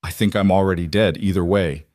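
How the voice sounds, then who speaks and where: A man's voice: deep voice, brisk, darkish tone, no room sound, clean studio sound, close to an everyday voice. A man voicing a desperate, ruined middle-aged mayor in an audio story, snarling and bitter.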